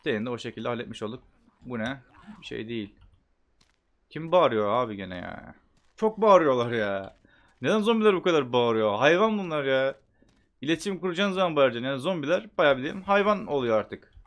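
A man giving casual gameplay commentary, chatting to himself and bursting into loud shouts at the game. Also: mid-range voice, animated, brisk. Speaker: gameplay streamer.

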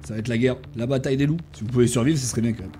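A man giving casual gameplay commentary, talking to his tamed animals and bursting into excited shouts during fights. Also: medium pitch, rapid-fire. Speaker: gaming YouTuber.

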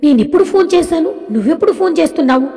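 A woman's voice: very high voice, lively intonation, rapid-fire, mellow, big-room sound, voice pushed up. A woman narrator reading the lines of a panicked young married woman, speaking in an urgent, frantic way.

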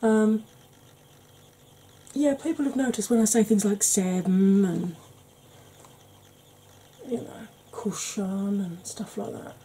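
A makeup vlogger in her forties, from Wales and Yorkshire, talks slowly and softly through a makeup tutorial in a northern English accent tinged with Welsh. Her medium-pitched voice is very dark and mellow with a wry edge, and a faint hum fills her small room at home.

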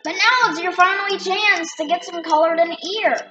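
Squeaky Fire Mario, as a performer puts him on. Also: background noise. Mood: chatty, bossy. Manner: bossy, teasing, talks in halting bursts. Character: Fire Mario, a chatty cartoon plumber man. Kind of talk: casual let's-play banter. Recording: roomy, far from mic, loud game music.

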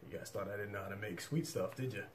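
A man in his thirties walks through a recipe in a small room, loose and chatty and swearing casually. His voice sits slightly low. The desk camera picks up steady, clear background hiss. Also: fast talker. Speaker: cooking vlog host. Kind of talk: casual cooking demonstration.

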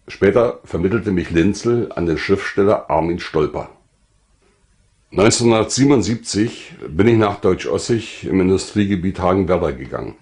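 A writer and former pastor in his sixties or older, from Lusatia in eastern Germany, reads a scripted narration of his own life. His voice is fairly low and a little mellow.

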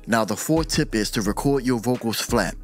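A middle-aged audio engineer who hosts his own channel talks casually to camera about recording vocals, from a small room at home with a desk mic on a boom arm. His mid-range voice moves at normal speed over faint music, relaxed, gesturing with his hands and repeating words as he goes.

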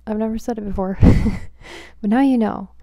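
A woman chatting softly for ASMR on a small close microphone, rambling, whispery and giggly. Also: a little high, fast talker. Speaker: ASMR creator. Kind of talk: soft-spoken ASMR chatting.

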